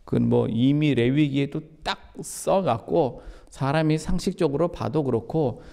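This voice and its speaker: A man's voice: medium pitch, unhurried, creaky, dark tone. A male pastor preaching a sermon in a conversational, emphatic way, often asking the congregation questions and answering them himself. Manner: asks and answers rhetorical questions.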